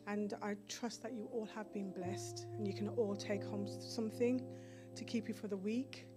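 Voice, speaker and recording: A woman's voice: mid-range voice, steady tone, normal speed. Woman praying fervently over music. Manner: fervent, repetitive praying, rising in intensity. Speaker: church minister closing the service. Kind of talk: prayer. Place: church hall stage. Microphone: handheld mic.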